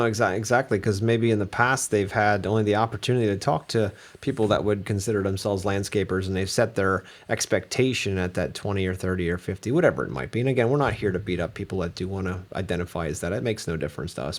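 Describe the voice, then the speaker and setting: Low-voiced guy on a podcast, talks fast and plain, explains stuff. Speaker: podcast co-host. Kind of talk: casual podcast chat.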